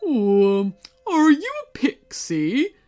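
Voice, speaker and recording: A tired griffin courtier in a long robe , played by a woman reading aloud, weary and quick to get flustered. He speaks slowly, and his pitch rises and falls widely. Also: huge pitch swings, soft background music, heavily acted.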